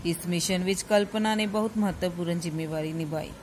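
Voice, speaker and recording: Low-voiced woman reading a lesson aloud. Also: a little fast, slight background noise, low-quality recording. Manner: steady, careful reading with small self-corrections. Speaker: teacher reading a class lesson. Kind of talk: reading a textbook chapter aloud.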